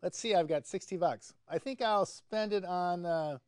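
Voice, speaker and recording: Recorded dry with clean studio sound, this American co-host of a political talk show speaks in a high-pitched, clean-toned voice at a moderate pace. He argues his opinions insistently, often stammering and repeating his phrases.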